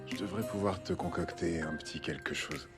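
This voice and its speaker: Un acteur jouant un cuisinier sûr de lui, tantôt chef tantôt amant, au parler familier et direct. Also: male voice, deep voice, moderate pace, close to an everyday voice. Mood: tender, teasing. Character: confident restaurant cook, bossy at work, tender lover. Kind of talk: French-language acted film or series dialogue. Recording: music behind the dialogue.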